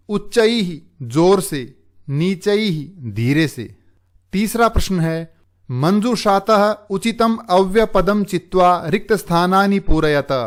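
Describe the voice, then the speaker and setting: A man with a fairly high voice takes a Sanskrit text slowly, word by word. He reads each word, then stops to explain what it means, in an unhurried, measured way. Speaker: Sanskrit teacher. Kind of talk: line-by-line textbook explanation.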